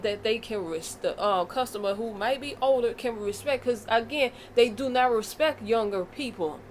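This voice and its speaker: A woman's voice: fairly high pitch, slight background noise. An American woman vlogging a casual commentary rant, blunt and profane, with a fired-up delivery. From United States.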